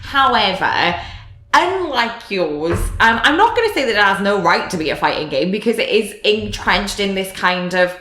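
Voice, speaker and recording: A woman's voice: medium pitch, animated, normal speed, bright, forceful tone, reverberant. A woman co-hosting a podcast, giving her opinion in casual chat with many fillers and restarts. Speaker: podcast co-host. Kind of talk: casual chat, game review.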